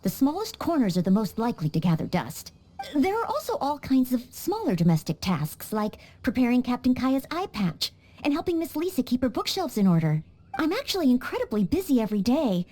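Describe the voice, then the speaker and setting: An actress plays an earnest, polite young maid in training to become a knight in a game cutscene, stammering slightly with hesitation. Her high, warm female voice moves through big pitch swings at a slightly quick pace.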